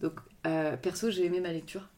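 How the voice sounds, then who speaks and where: A woman hosting a book club podcast, chatting casually, laughing often and trailing off into soft asides. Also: fairly low pitch, fairly even intonation, brisk, a little hiss or hum. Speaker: podcast host.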